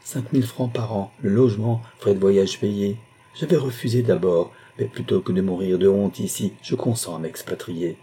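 A man's voice: on the low side, moderate pace, mellow, breathy edge. A man voicing a proud, indignant middle-aged wife who laments her lost standing in a storybook reading. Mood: defiant. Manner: lamenting and haughty.

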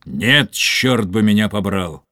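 A man's voice: fairly low pitch, animated, takes it slowly, sharp tone, no room sound, clean studio sound, full character voice. A man voicing a stubborn, wounded captain who curses and refuses last rites, weak and in pain. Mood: defiant. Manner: gruff, scornful, swearing. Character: stubborn dying male captain, defiant, cursing.

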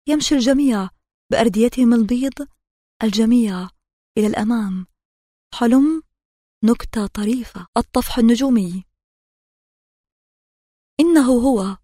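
A woman narrating an audiobook in a measured, steady reading voice. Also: on the high side, no room sound, studio quality.

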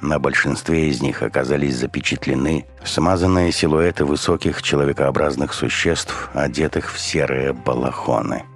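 A man reading an audiobook in steady scripted narration. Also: very deep voice, gravelly. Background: faint music.

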